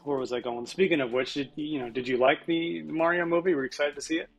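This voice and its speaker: A man's voice: a little high, fairly even intonation, fast talker, breathy edge, soft background music. A man in his thirties or forties chatting casually on a podcast, rambling with many fillers and laughing often. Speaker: podcast co-host. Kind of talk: casual chat.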